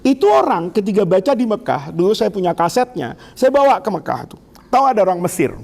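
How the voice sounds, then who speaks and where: A middle-aged Indonesian man giving an Islamic lecture to students in a lively, teasing way, asking them questions. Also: high voice, quick pace, creaky. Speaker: Islamic teacher. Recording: long hall reverb.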